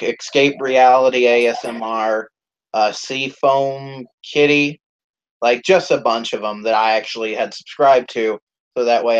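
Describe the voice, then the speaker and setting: A man hosting his own channel's live stream, chatting casually and rambling with lots of swearing and fillers. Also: fairly low pitch. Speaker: YouTube channel host. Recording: dull lo-fi stream audio.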